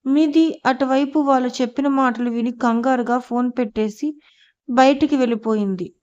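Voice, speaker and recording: Brief: woman storyteller, high voice, even scripted narration, dull lo-fi recording. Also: normal speed. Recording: dull lo-fi audio.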